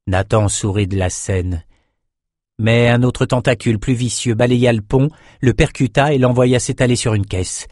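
A man narrating a fantasy audiobook in a measured, steady storytelling manner. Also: mid-range voice, dry recording, studio quality.

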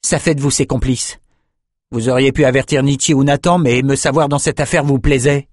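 A man's voice: medium pitch, fairly even intonation, moderate pace, dry recording, voice pushed up, lightly acted. A man putting on a proud young swordsman in a storybook reading, cutting and sarcastic, his voice raised well above the reader's own, recorded close and dry. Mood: defiant.

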